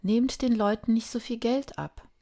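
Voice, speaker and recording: A woman's voice: on the high side, moderate pace, dark tone. A woman calling out as a fervent prophet. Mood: urgent. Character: fervent adult male prophet calling crowds.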